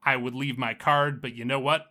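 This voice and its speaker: A man's voice: mid-range voice, level tone, moderate pace, pushed and bright, natural voice. A man doing a smug mystery boss through a drone. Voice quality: metallic voice. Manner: chatty, faltering, full of restarts. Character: smooth-talking male mystery boss speaking through a drone.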